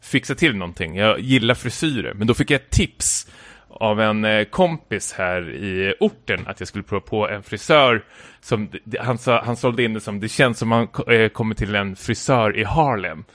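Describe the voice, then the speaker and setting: A man's voice: lowish voice, animated, few pauses, fairly bright tone, no echo. Man, casual chat, rambling storyteller, fillers and restarts, dry close sound. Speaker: podcast co-host telling a story.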